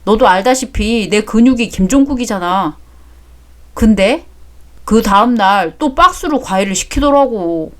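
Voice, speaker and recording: A woman's voice: on the high side, expressive, measured pace. A woman voicing a boastful middle-aged male fruit seller who gossips crudely. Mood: gossiping.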